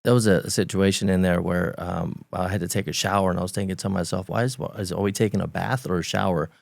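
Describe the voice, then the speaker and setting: Candid stories from his past come from a forties-aged man, a podcast guest whose voice is gravelly and very low, with a Romanian accent. He speaks evenly and flatly but haltingly, repeating words, restarting, and laughing lightly now and then, in a close, dry recording.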